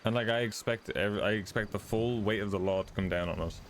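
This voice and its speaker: A very low-voiced man speaking in character as a motorcycle club member in a roleplay. His talk is blunt, firm and full of swearing. Faint night insects chirp behind him. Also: fairly quick, slight background noise.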